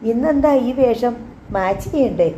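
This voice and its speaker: A sharp-tongued, lonely young wife speaks in quick, cutting remarks, read by a woman narrating an audiobook. The tone is mellow and soft-edged. The recording sounds roomy and a little dull. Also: fairly high pitch, lively intonation, slight background noise.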